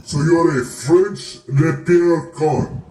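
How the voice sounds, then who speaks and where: A man's voice: on the high side, slow, mellow, echoey room, far from the mic. A man voicing Zakar, a blunt, crude adventurer, with a put-on Russian accent. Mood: brash.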